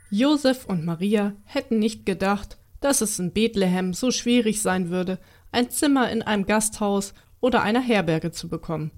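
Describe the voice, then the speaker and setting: A woman reading a children's Christmas story aloud in a calm, expressive storytelling manner. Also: medium pitch.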